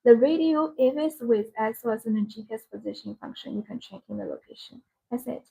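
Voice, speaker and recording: Speaking briskly, a non-native English-speaking woman presents products on a live stream, relying on simple phrasing she repeats often. Her high, creaky voice carries a husky edge and a dark tone, and the audio is poor.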